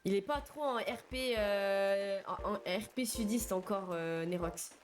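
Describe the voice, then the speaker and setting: A woman's voice: medium pitch, measured pace. A young woman streamer chatting casually and slangily with her viewers while she plays, answering their messages as they come in. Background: faint game music.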